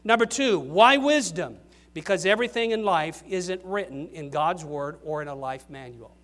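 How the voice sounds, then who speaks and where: An older man, a grandfather, preaching a sermon to young people, punching key questions and then dropping his voice low at the ends of points. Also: animated, normal speed, fairly bright tone.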